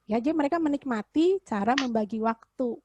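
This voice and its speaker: A woman's voice: sits high, animated, a little fast, a little mellow, highs cut off, slight background noise. A woman, a psychologist giving a casual webinar talk to parents, explaining with everyday examples and rhetorical questions over a video call. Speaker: child psychologist presenter.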